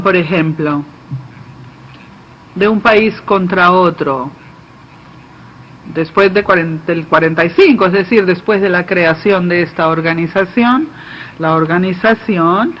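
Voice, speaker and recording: A man giving live simultaneous interpretation of a political speech, delivered haltingly, phrase by phrase. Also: sits high. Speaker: conference interpreter. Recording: dull lo-fi feed, faint background noise.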